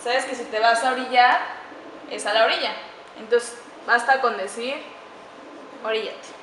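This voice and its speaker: A woman giving a class presentation on writing errors, slowing down carefully whenever she reads out an example sentence. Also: a little high. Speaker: student presenter. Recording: echoey room with faint background noise.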